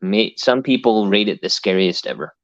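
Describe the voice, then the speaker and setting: A man's voice: fairly low pitch, lively intonation, moderate pace, dry recording. A man joining a livestream by video call, explaining horror movies in a matter-of-fact way. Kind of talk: casual livestream chat. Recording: dull lo-fi call audio.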